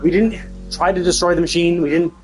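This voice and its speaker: Over background music, a man livestreams a casual gameplay commentary rant in a high voice with a steady tone and brisk pace. He sounds exasperated and emphatic, swearing freely throughout.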